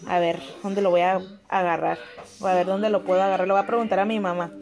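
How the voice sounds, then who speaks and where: A woman's voice: mid-range voice, little pitch movement, fast talker. A young woman, chatting casually to her viewers in a home kitchen vlog. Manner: chatty, talks to viewers as friends. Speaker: vlogger.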